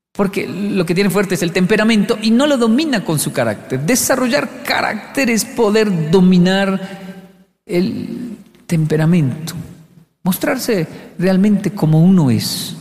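Man, motivational speaker, high voice, acts out his stories, recorded with echo in a large hall. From Latin America. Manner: animated storyteller acting out quotes. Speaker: speaker on leadership. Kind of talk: motivational talk. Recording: long hall reverb.

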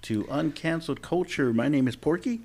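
A man's voice: a little high, normal speed, a little mellow. A man hosting a casual podcast in an informal, slangy way, with a slight whistle from a missing front tooth. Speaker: podcast host.

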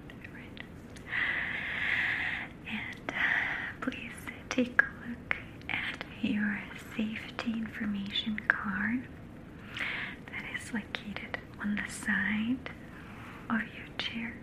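A woman whispering softly as a flight attendant in an ASMR roleplay, checking in gently with the listener. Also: medium pitch, little pitch movement, poor audio. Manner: soft, slow whisper with frequent gentle check-ins.

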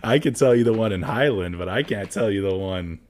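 A man's voice: fairly low pitch, a little fast, darkish tone. A young American man co-hosting a podcast in casual, slangy, profane chat. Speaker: podcast co-host.

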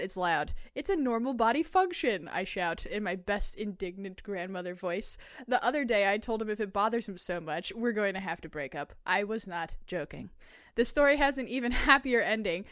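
Woman podcast co-host, casual chat, giggly and animated, medium pitch, dry close sound. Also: no echo. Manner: laughs often, animated reading, filler likes. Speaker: podcast co-host reading listener stories.

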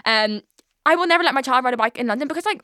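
A chatty young woman in her twenties rambles through a casual solo podcast, full of fillers and swearing. Her voice sits a little high, and the studio recording is close and dry. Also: lively intonation, rapid-fire, sharp tone, smooth, dry recording. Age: 20s. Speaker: podcast host. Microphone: studio mic.

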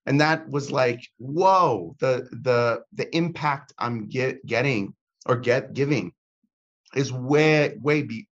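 A man of medium pitch chats casually as a guest on a podcast, and the recording has its highs cut off. A comedy content creator, he rambles, breaks off to restart, and leans on many fillers.

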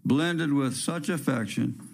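Earnest male storyteller with a gravelly voice, radio read. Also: a little high, slow pace. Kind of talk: reading a story aloud.

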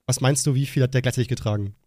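Lively young man on a podcast. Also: mid-range voice, racing, no room sound, studio quality. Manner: animated storyteller, acts out quotes with big laughs. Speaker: podcast co-host. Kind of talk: casual podcast chat.

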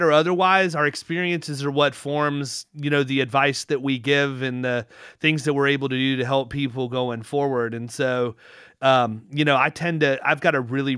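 A middle-aged man in casual conversation, telling long rambling anecdotes with restarts and lively quoted dialogue. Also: mid-range voice, clear, resonant tone, no room sound, studio quality.

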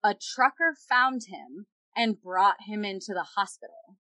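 A woman's voice: mid-range voice, a little slow, pushed and bright, dry recording. A woman casually telling a personal story, rambling with lots of fillers. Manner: rambling, filler-heavy, many "like"s and "yada yada".

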